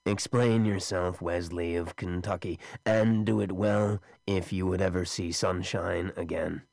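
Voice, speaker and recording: A man voicing a menacing inhuman creature in a yellow coat, with a buzzing voice and slow, cold, measured speech. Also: low-pitched, steady tone, creaky, no room sound. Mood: cold menace.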